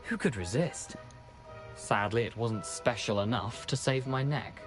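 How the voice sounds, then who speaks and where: An actor voicing the ghost of a beheaded, mischievous gentleman in a video game, with a genteel, chatty and wry manner. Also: mid-range voice, measured pace, over music, lightly acted.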